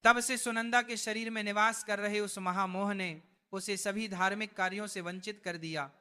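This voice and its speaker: High, smooth male storyteller. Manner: even, formal storytelling. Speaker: narrator. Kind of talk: scripted devotional story narration.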